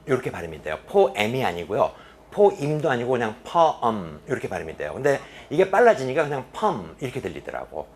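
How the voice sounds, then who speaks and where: A man's voice: mid-range voice, a little hiss or hum. A man teaching an English reading lecture in a classroom, asking his students questions and answering them himself. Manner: animated, with sharp drops to quiet emphasis. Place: classroom at a boarding academy.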